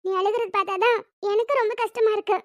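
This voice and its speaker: A performer voicing a cheerful, curious teenage younger sister who is bright, chatty and playfully insistent. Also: very high voice, steady tone, fast, no echo, clean studio sound.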